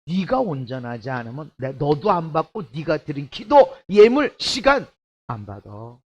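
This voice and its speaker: A middle-aged male pastor preaching a sermon, dropping to quiet asides and then rising to shouted, emphatic passages. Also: big pitch swings, normal speed, husky, dull audio. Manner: swings from hushed asides to shouted, high-pitched preaching.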